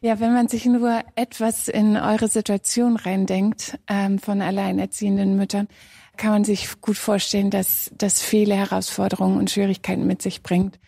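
A woman moderating a panel talk, calm and measured. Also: medium pitch, creaky, dry recording.

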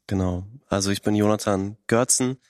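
A young man in his late twenties speaks with a lowish voice, scattering filler sounds as he introduces himself. The recording is dry and close. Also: normal speed, darkish tone, no echo. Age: 20s. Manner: many filler sounds, lightly joking. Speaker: youth worker, panel guest. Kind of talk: casual panel talk.

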